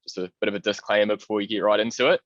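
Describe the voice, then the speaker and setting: Relaxed New man moderating, dry. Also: on the low side, very fast, no echo. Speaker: panel facilitator. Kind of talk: moderating a panel. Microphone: video call. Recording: dry, dull call audio.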